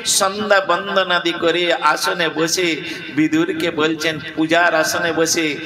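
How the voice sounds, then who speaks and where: A man's voice: on the high side, little pitch movement, takes it slowly, pushed and bright. A man preaching a devotional sermon, telling a sacred story and singing verses while addressing his listeners directly. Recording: echoey hall, distant mic, background noise.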